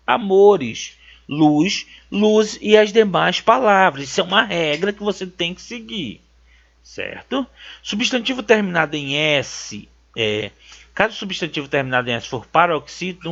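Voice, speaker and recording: A man's voice: fairly high pitch, fairly bright tone. A man from Brazil teaching a grammar lesson for an exam, emphatic and checking in with "certo?" as he repeats key words. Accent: Brazilian Portuguese. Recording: dull lo-fi sound.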